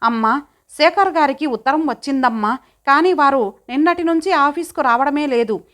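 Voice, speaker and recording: A woman's voice: high-pitched, normal speed, fairly bright tone. A woman voicing a polite male office servant delivering a letter in an audio story.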